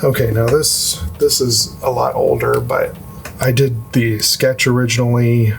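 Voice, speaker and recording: A man with a very creaky, gravelly voice talks in a hushed, quiet late-night way. He hosts a casual sketchbook tour vlog, with music playing behind him. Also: medium pitch, level tone, unhurried, noisy background. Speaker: art channel host.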